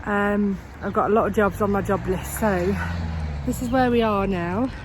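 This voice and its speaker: A gardening vlogger in her thirties, nursing a cold, chats casually outdoors on her allotment while planning her gardening jobs, full of ums and restarts. Her mid-range voice has fairly even intonation and a moderate pace, with background noise behind it.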